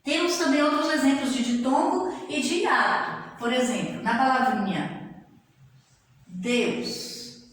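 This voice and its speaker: A woman's voice: high voice, lively intonation, a little hiss or hum. Echoey woman teaching syllables. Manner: slow, drawn-out syllables with frequent check-in tags. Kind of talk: classroom grammar lesson. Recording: very echoey room with long reverb.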